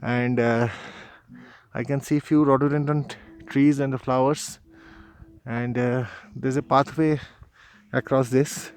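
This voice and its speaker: A man's voice: medium pitch, steady tone, slow, a little mellow, clear, resonant tone. A man vlogging casually as he hikes an outdoor mountain trail, filming on a phone and thinking aloud. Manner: chatty, thinking aloud while hiking. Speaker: travel vlogger. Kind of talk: casual walking commentary. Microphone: handheld phone camera.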